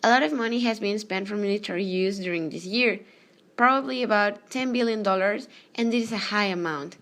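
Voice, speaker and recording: A woman's voice: mid-range voice, brisk, a bit bright. A woman reading a scripted news report, occasionally stumbling over her words.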